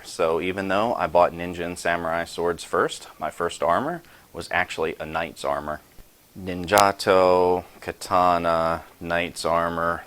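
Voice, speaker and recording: A man's voice: low-pitched, a bit bright. A man in his forties casually showing off his collection at home, chatty and self-deprecating, with rambling asides. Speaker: YouTube host showing his sword collection. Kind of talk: casual show-and-tell vlog.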